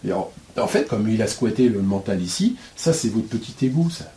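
A very animated man teaches spiritual ideas loosely and colloquially, his pitch swinging widely while he drops blunt slang and constant little asides, as if explaining things at a board. He speaks at normal speed with a warm tone, over slight background noise.

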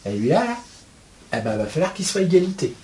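A man's voice: fairly high pitch, sing-song, fairly quick, dark tone. A man giving a spiritual lecture at a board, colloquial and blunt, full of asides. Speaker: spiritual teacher.

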